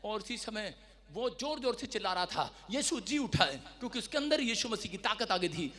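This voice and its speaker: A man preaching a fervent sermon, moving between quiet storytelling and loud shouting, calling on the audience to respond. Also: high voice, lively intonation, normal speed.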